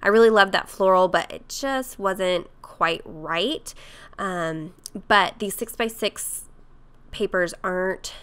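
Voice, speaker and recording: Hoarse woman narrating a craft tutorial. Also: medium pitch, slow. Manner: chatty, with fillers and soft laughs. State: hoarse from a cold. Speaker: craft vlogger. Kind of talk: casual voice-over tutorial.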